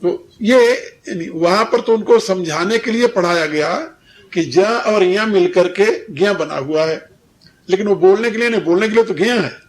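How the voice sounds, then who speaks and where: A man teaching Sanskrit pronunciation in a devotional discourse, speaking slowly and repeating words for his listeners. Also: sits high. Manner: slow, didactic, repeats and drills words, chuckles. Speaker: spiritual teacher.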